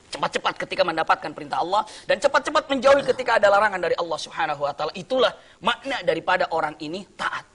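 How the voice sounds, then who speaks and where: A middle-aged man from Indonesia preaching a sermon, telling a story with sudden cries and hushed asides. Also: high voice.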